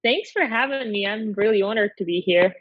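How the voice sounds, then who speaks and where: A young woman from Siberia with a Russian accent and Russian as her first language, chatting relaxed as a podcast guest. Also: medium pitch, a little fast, no room sound. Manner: relaxed and chatty, frequent "like" fillers. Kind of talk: casual interview chat. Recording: slightly dull lo-fi audio.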